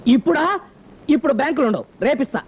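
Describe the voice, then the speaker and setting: Wisecracking young groom, very high voice, always exclaiming. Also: male voice, animated. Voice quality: quick, exclamatory comic delivery. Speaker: bridegroom. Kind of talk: film comedy acting.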